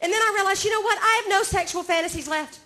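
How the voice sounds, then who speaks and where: Very high-pitched, fast and bright, this forceful voice belongs to a Georgia woman in her forties with a Southern accent. On a comedy club stage she pokes fun at herself and chats with the audience.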